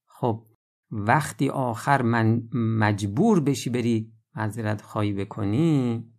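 Gravelly earnest male preacher. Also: mid-range voice, a little mellow. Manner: earnest, exhortative, rising emphasis then slow drawn-out phrases. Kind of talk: religious lecture podcast.

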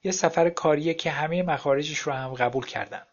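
A calm ex-wife in a storybook reading, as a man voices her, speaking in a matter-of-fact way. The voice sits slightly high. The sound is dull and lo-fi. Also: lightly acted. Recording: dull lo-fi recording.

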